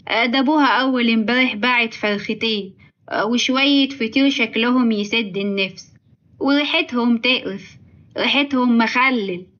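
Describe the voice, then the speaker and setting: A woman voicing a sharp-tongued, greedy older mother-in-law with an Egyptian accent, mocking and scornful. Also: on the high side, brisk, highs cut off, natural voice. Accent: Egyptian Arabic.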